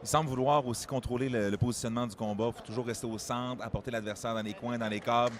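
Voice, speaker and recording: A man's voice: mid-range voice, fairly even intonation, fast. A man doing live boxing commentary as the co-commentator. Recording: noisy live venue.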